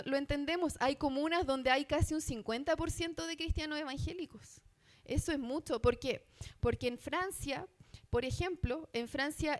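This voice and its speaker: A woman from Chile with a Chilean accent, preaching a sermon as a missionary in church, earnest and asking the congregation questions. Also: high voice. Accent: Chilean Spanish. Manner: earnest, asks the congregation questions, many fillers.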